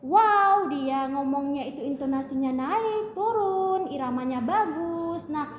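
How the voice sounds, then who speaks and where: A woman's voice: sits high, animated, unhurried, a little mellow. A young woman from Aceh, a student guest chatting casually on a podcast, explaining with lots of fillers. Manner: chatty, explains with many fillers, addresses listeners as guys. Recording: echoey room with faint noise.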